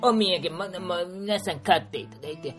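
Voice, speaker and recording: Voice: mid-range voice, moderate pace, a bit bright, soft background music. A playful storyteller recapping a group trip, full of puns and little sound effects. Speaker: tour organizer recounting a trip. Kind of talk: casual spoken trip recap.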